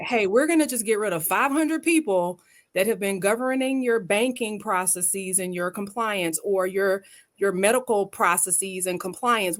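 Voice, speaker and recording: Southern woman on a panel, emphatic and folksy, medium pitch. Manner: emphatic, folksy, uses rhetorical "right?". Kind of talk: panel discussion.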